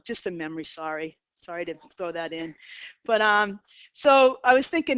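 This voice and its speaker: A woman's voice: a little high, fairly bright tone, smooth, no room sound, highs cut off. Chatty Boston-accented woman teaching math. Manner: chatty, asks the class questions, digresses. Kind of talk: classroom lecture. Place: classroom.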